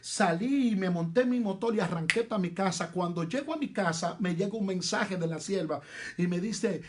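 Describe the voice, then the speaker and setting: A man with a Dominican accent preaches a sermon in a notably high voice. He stresses his points by repeating phrases and drawing words out slowly. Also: noisy background. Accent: Dominican Spanish. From Dominican Republic. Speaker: pastor.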